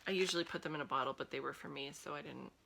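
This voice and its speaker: In her home vlog, a US woman in her thirties speaks in a low, racing voice with vocal fry and a bright, forceful tone. She's a bit breathless, chatting casually with plenty of ums and laughs, and a little hiss or hum sits under the recording.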